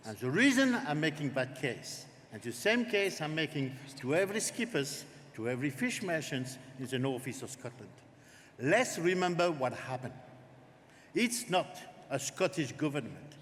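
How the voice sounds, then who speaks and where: A man with a French accent speaks at a conference lectern in a lively, joking, emphatic way, his voice fairly high. The words ring out with the long reverb of a big hall over faint background noise. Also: moderate pace. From France. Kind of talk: political conference speech.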